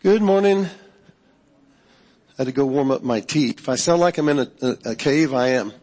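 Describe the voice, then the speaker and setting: Pastor with a cave-like echo. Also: male voice, medium pitch, normal speed. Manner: relaxed, offhand, informal. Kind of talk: casual church announcements and prayer. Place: cave-like room. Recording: echoey, cave-like room with long reverb.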